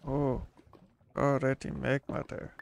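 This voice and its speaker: Playing a video game, a gaming channel host comments casually to himself in relaxed fashion, humming tunes and making little sound effects. His mid-range voice is slow and monotone with vocal fry, and there's slight background noise.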